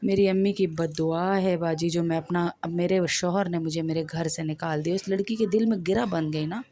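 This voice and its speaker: A female preacher with a Pakistani Urdu accent gives a religious talk to women in a low, steady, warm voice. She is emphatic and scolding, frequently posing questions to her listeners.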